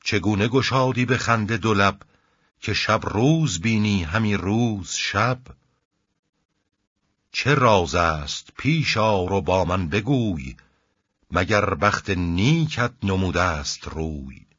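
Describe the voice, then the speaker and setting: A man with a low, husky voice reciting the lament of a grieving young princess in classical verse, in a measured, rhythmic chant. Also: lively intonation, fairly bright tone, dry recording. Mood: puzzled. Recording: dull, lo-fi dry recording.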